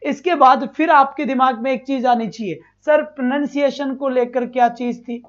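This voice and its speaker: A man's voice: very high voice, steady tone, normal speed, a bit bright, highs cut off. A male teacher giving an online exam-prep class, asking his own questions, answering them and repeating each point, and praising the students as his children.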